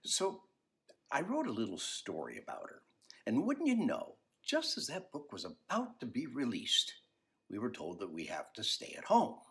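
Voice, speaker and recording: An older man shares a personal story in a husky, slightly bright voice, his pitch swooping wildly. He speaks expressively and without rushing, much like someone reading a picture book to children.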